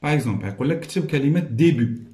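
A man with a Moroccan accent teaching a recorded lesson, explaining step by step and slowly repeating each French word. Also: medium pitch, animated, dark tone, roomy sound.

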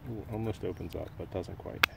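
Low, gravelly man narrating outdoor finds. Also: fairly even intonation, brisk. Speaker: metal detecting host. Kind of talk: casual field narration of finds. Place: outdoors in a wooded park. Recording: clear outdoor background noise.

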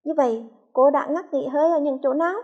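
A woman from Hue with a Vietnamese accent, a primary school teacher reading a lesson slowly and clearly to young children. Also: high-pitched, lo-fi sound. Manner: slow, clearly articulated, patient.

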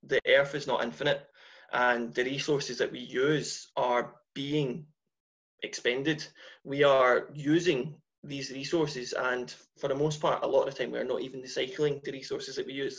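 A man in his twenties with a broad Scottish accent giving an online lecture in a deliberate, emphatic manner over a video call. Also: medium pitch, little pitch movement, a bit bright. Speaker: guest lecturer, company founder. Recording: dull lo-fi video-call audio.

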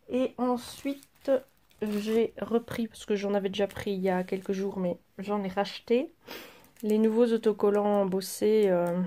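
A woman's voice: mid-range voice, dark tone. Chatty woman showing her craft haul. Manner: chatty, hesitant fillers while handling items. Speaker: craft vlogger. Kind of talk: casual haul show-and-tell.

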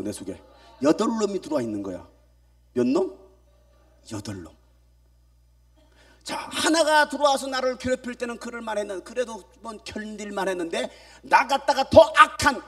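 A male pastor delivers a sermon at a church youth meeting hall, swinging between shouts and hushed asides and firing questions at the young congregation. His voice is very high-pitched and picked up by a distant mic.

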